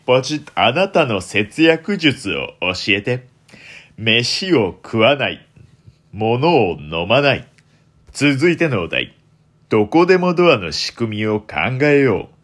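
Deep-voiced young man, swooping radio delivery. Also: fairly bright tone. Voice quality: deliberately low, deep voice. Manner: polite, formal announcer-like delivery with theatrical flourishes. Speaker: host of a solo internet radio show. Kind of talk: late-night radio talk in a put-on smooth announcer voice.

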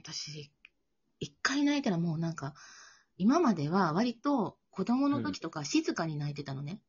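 A woman's voice: fairly low pitch, big pitch swings, measured pace, breathy edge, muffled recording. A woman with a Kansai Japanese accent co-hosting a casual chat podcast, playful and easygoing. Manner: playful, easygoing, laughs often. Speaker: podcast co-host.

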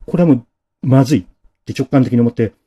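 A man narrating a ghost story dramatically, dropping to a hush at key moments. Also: medium pitch, fast talker, breathy edge, muffled recording.

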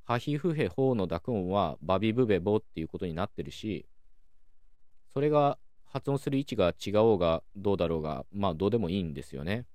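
A man hosting a calm solo talk show, explaining things in a measured way with many soft fillers. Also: deep voice, no room sound, studio quality. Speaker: podcast host.

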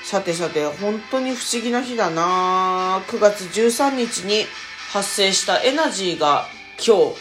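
A woman's voice: medium pitch, animated, a little slow, over music. A woman from Tokyo with an old Tokyo-style accent, hosting a spiritual podcast in a chatty, playful way and calling herself by her nickname. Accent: Edo-style Tokyo dialect. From Tokyo, Japan. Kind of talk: casual solo podcast talk.

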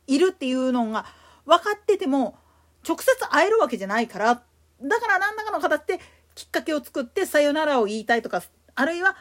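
A woman with a Kansai accent giving a solo explanatory talk as a podcast host, emphatic in her delivery. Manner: explanatory, emphatic, lively pitch swings.

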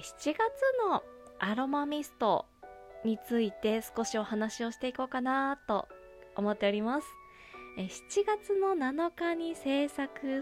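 A woman hosting an aroma talk show in a polite, gentle, murmuring monologue. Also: on the high side. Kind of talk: soft-spoken scripted-style monologue on aromatherapy. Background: music.

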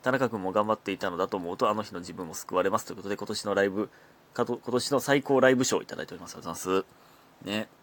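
Speaking very fast in a fairly low voice, a comedian with a Kansai Japanese accent hosts his own casual solo talk show. He's chatty and laughs often as he goes.

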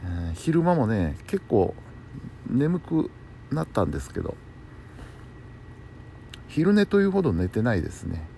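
A man's voice: on the low side, sing-song, a little slow, creaky, pauses often, mellow. A man chatting casually and alone as the host of a bedtime talk show, musing to himself in a polite, conversational way. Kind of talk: casual solo chat. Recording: faint background noise.

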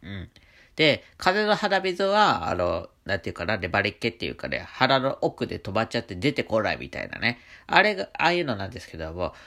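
A man with a fairly low voice that sounds blocked up and nasal from allergies. His pitch swings freely as he chats alone in a casual radio talk. He goes along in short, halting phrases. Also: huge pitch swings, creaky, bright, forceful tone. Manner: chatty, halting, with frequent trailing sentence particles. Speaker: radio talk host, painter. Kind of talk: casual solo radio monologue.

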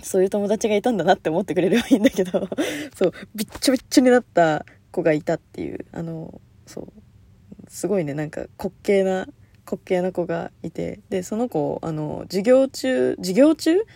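A young woman hosting a casual solo talk show, chatty and animated, with lots of fillers and frequent laughs. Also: medium pitch, brisk, slightly rough. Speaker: podcast host.

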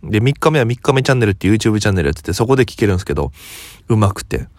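A young man from Okinawa who has just rolled out of bed, his voice sitting low and sleepy. He rambles through a story at an easy pace, quoting friends as he goes. The sound is close and dry, with no room around it. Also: very animated, very fast, dry recording. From Okinawa, Japan. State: just woken up, voice lower than usual. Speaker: comedian. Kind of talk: casual solo talk.

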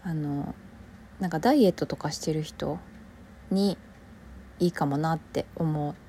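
Mellow Kansai woman, rambling soft chat. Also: low voice, a little slow, slight background noise. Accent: Kansai Japanese. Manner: relaxed and rambling, often dropping to a soft near-whisper. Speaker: actor hosting her own solo audio show. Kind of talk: casual solo podcast chat.

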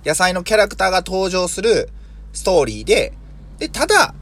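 Lively-voiced man rambling on a podcast. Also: high-pitched, brisk. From Mie, Japan. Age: 30s. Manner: rambling, thinking aloud with many fillers and self-corrections. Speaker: podcast host, vegetable farmer. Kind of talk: casual solo podcast talk.

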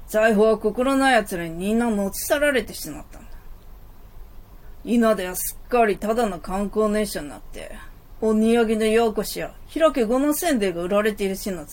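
A woman playing an ancient male lamp genie in a comic stage play, proud and exasperated, with gruff, old-fashioned, bossy speech. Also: mid-range voice, a little mellow, natural voice. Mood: explaining.

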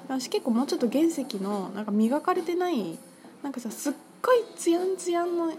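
A woman talking casually on her own about her crystal shop, chatty and full of fillers, lively when she quotes others. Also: medium pitch. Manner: chatty, filler-heavy, animated quoting. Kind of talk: casual solo talk. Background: music.

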